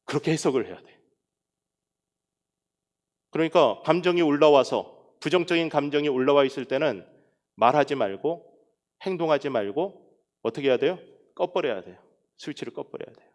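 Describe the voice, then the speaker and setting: Middle-aged guy preaching, kinda high voice, super lively, jokes around, gets loud to make a point. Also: normal speed, pauses often. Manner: animated, humorous, raises voice for emphasis. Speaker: guest pastor. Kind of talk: revival sermon.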